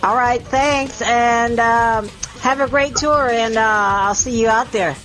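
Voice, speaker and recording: A woman's voice: on the high side, takes it slowly, a bit bright, faint music behind, low-quality recording. A middle-aged woman from New York interviewing a musician in a friendly, easygoing way. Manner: friendly, laughs easily. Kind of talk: casual interview chat.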